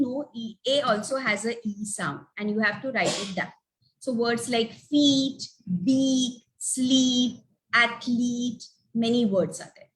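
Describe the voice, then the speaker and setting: A woman teaching phonics in a webinar, patiently spelling out letters one by one and sounding out example words. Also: a little high. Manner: patient, repeats "okay" between points. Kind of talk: slow instructional webinar talk.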